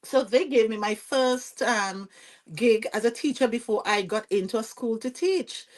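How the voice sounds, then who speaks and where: A woman with a Vincentian accent, a podcast guest telling her story in a lively, chatty way and often checking in with "you see what I'm saying?". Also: on the high side, moderate pace. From Saint Vincent and the Grenadines. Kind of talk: conversational storytelling interview.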